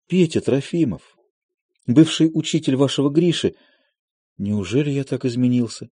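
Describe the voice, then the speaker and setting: A man voicing a shabby, gentle young eternal student, speaking earnestly, in an audiobook of a play. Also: mid-range voice, expressive, normal speed, slightly rough, dry recording, clean studio sound, pitched above the performer's own voice.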